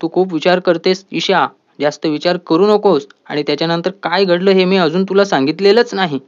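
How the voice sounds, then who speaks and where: A man's voice: sits high, fairly even intonation, fairly quick, natural voice. A man voicing a level-headed, protective young woman who explains firmly. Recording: dull lo-fi audio.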